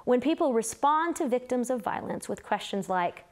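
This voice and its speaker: A middle-aged woman delivering a sermon in a measured, earnest way, seated at a table in a small studio. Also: on the high side, lively intonation. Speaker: preacher.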